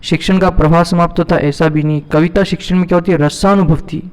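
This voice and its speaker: A man's voice: on the high side, steady tone, fast. A male teacher going through multiple-choice exam questions, repeating each question and then answering it himself. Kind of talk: exam-prep lesson, reading out and explaining multiple-choice questions. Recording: hall reverb.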